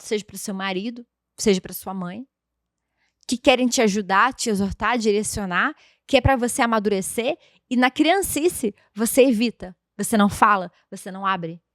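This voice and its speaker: A woman's voice: fairly high pitch, no echo, clean studio sound. A woman in her thirties hosting a devotional podcast, speaking in an emphatic, chatty way straight to her listeners. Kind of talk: casual devotional podcast talk.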